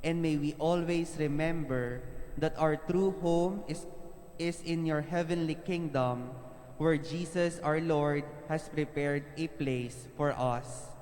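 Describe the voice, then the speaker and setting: Lector: a man at a pulpit microphone, slightly high voice, very unhurried, ringing church reverb. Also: darkish tone. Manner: slow, measured, phrase-by-phrase reading. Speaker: lector reading the prayers of the faithful. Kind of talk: liturgical reading.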